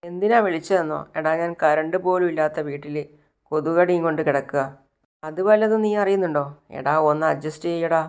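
A man's voice: on the high side, brisk, a little mellow, clear, resonant tone, lightly acted. A woman voicing a desperate man demanding money from his accomplice.

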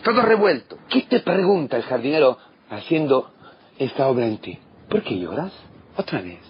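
A man preaching an impassioned sermon as a priest, swinging from loud declarations to hushed asides. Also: medium pitch, sing-song, normal speed. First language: Italian. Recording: dull lo-fi recording with faint noise.

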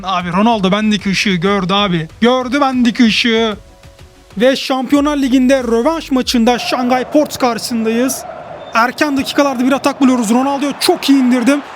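A man with a strikingly high voice calls his football video game as he plays. His play-by-play is excitable and boastful, and he keeps joking about his own skill. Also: slight background noise. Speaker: gaming YouTuber. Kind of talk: live gameplay commentary.

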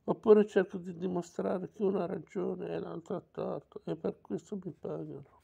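Stern lawyer guy asking questions, read by a man, gravelly low-key voice. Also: fairly even intonation, moderate pace, dark tone, dull audio, heavily acted. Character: stern frontier lawyer, middle-aged man.

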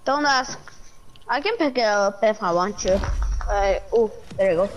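A woman's voice: expressive, moderate pace, muffled recording, slight background noise. A woman chatting playfully and teasing her teammate while playing an online game. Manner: playful, teasing, jumpy pitch. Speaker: gamer. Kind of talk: casual gameplay chat.

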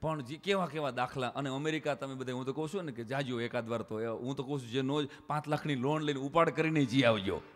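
A man's voice: medium pitch, fast, hardly any pauses, soft background music. A man doing comic storytelling on stage, chatting straight to the audience and mimicking voices. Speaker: stage comedian at a folk show. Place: stage before a live audience. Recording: reverberant hall sound.

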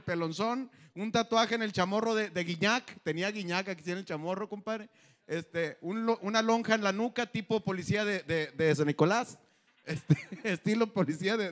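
A man's voice: high-pitched, fairly bright tone. A man hosting a live comedy show, telling crude slang-filled stories and acting out the characters. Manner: crude slang-heavy storytelling, acts out characters. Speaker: comedian host. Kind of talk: live stand-up storytelling.

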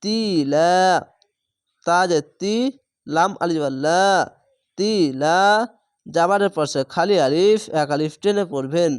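A man's voice: on the high side, slow, pauses often, smooth, dry recording, clean studio sound. A man teaching Quran reading, spelling out each syllable and then drawing out the joined word. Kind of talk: slow spelled-out Quran recitation lesson.

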